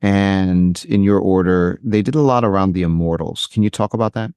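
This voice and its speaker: A man's voice: deep voice, moderate pace, a little mellow, clean tone, no echo. A man hosting an interview, asking brief, polite questions. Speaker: podcast host.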